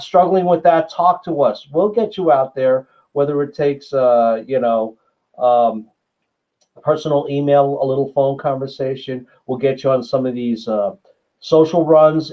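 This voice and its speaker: A man's voice: medium pitch, dark tone, low-quality recording. A man hosting a live running club show, encouraging his runners in a rambling, casual way with lots of fillers. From USA.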